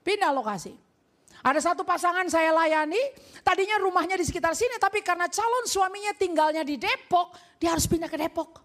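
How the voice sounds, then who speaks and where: A middle-aged woman pastor, preaching a sermon. She mixes in English and tells lively stories, acting out family dialogue. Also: very high-pitched, brisk. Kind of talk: sermon with Indonesian-English code-switching.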